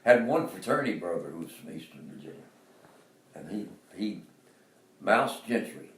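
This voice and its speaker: A man's voice: deep voice, sing-song, moderate pace. Older man, Appalachian accent, rambling reminiscences, roomy distant sound. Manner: rambling, reminiscing, chuckles often. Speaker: interviewee, father. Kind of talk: casual storytelling.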